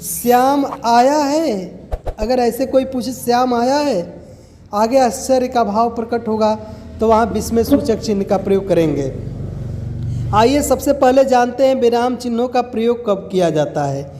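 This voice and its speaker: High-voiced male teacher in a reverberant room. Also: normal speed, dark tone, a little hiss or hum. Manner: explains step by step, poses questions and answers them. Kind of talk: exam-prep grammar lesson. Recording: long hall reverb.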